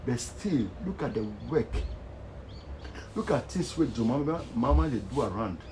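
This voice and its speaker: Animated man ranting in Ghanaian Pidgin. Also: medium pitch, moderate pace, slight background noise, low-quality recording. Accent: Ghanaian Pidgin English. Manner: fervent, animated, preachy. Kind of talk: impassioned social media rant.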